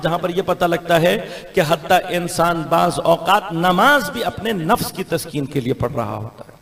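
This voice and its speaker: A man with a Pakistani Urdu accent delivers a majlis sermon. His high, gravelly voice climbs and falls for rhetorical effect. Long reverb from the big imambargah hall trails every phrase. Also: fairly bright tone. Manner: rhetorical orator with sudden rises and falls. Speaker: Shia cleric giving a majlis.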